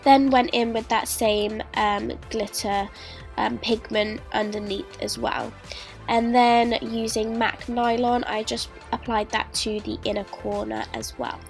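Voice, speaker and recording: A fairly high-pitched young woman, a little slow in her delivery, records a voice-over for her makeup tutorial with music playing clearly underneath. The beauty vlogger is congested and says she's sick, but explains each step in a friendly, chatty way.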